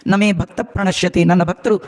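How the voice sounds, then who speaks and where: A man's voice: high voice, fairly even intonation, in a large hall, pitched below the performer's own voice. A man voicing a compassionate male deity. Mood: solemn. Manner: solemn, measured declaration with Sanskrit verses. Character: compassionate divine lord, male, protective and tender.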